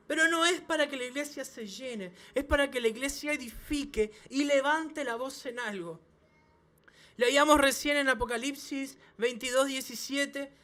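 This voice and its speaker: A man, a pastor, preaching a sermon to his church with emphatic repeated phrases and quick restarts. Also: very high-pitched, sharp tone. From Chile. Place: church service.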